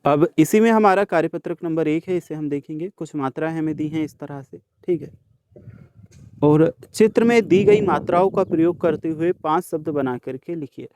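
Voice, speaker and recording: A male teacher solving a worksheet for students, sounding out each letter slowly and speaking to the class directly. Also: on the high side, a little mellow. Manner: slow, deliberate sounding out of letters. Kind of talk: worksheet solution lesson.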